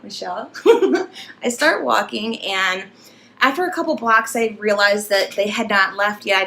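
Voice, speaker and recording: Young woman vlogger, casual storytelling to camera; bright, slightly high voice, animated, laughs often. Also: slight background noise.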